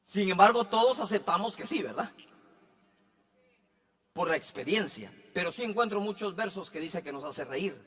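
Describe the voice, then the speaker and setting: A man's voice: high-pitched, animated, moderate pace, long pauses, fairly bright tone, long reverb tail. A man preaching a sermon as a pastor, talking in a loose, joking way and often asking the listeners whether they follow him. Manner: conversational, joking, keeps asking if he is understood.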